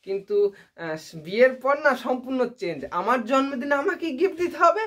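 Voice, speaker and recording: A man's voice: very high voice, big pitch swings, brisk, fairly bright tone. A man vlogging casually to his viewers, chatty and self-mocking, often laughing at himself. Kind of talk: casual comedic vlog.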